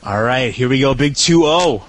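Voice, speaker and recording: A man's voice: medium pitch, animated, moderate pace, no echo. A man in his thirties chatting casually as a podcast co-host. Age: 30s. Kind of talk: casual chat.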